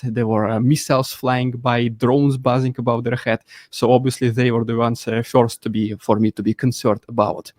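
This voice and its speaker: A man's voice: medium pitch, a little mellow, dry recording, clean studio sound. A young Russian-born man with a Russian accent, talking earnestly as an interview guest and often repeating his points. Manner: earnest, repeats "once again" and "for this reason". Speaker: guest commentator. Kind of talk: casual interview talk.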